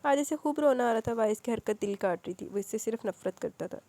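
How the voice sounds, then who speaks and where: Mellow-voiced woman reading a novel. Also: animated. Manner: voices characters with raised emotional pitch. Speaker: novel narrator.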